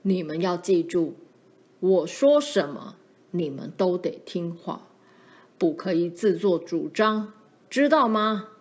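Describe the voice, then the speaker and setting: A woman voicing a protective pioneer father who speaks firmly and gravely to his daughters. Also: on the low side, unhurried, darkish tone, pitched below the performer's own voice, close to an everyday voice. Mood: stern. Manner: firm and warning, grows grave.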